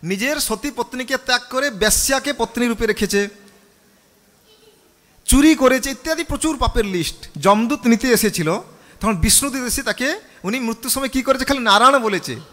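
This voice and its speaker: A man's voice: extremely high pitch, normal speed, fairly bright tone, in a large hall. A man, a monk, preaching a scripture sermon, asking the audience questions and leading them in chanting. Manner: call-and-response, chants the mantra with the audience.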